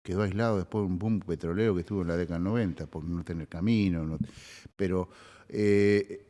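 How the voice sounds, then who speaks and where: An older man from Argentina, a retired official answering interview questions in a halting way, with many fillers. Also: deep voice, steady tone, warm tone, in a large hall. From Zapala, Neuquén, Argentina. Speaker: retired provincial oil official, guest.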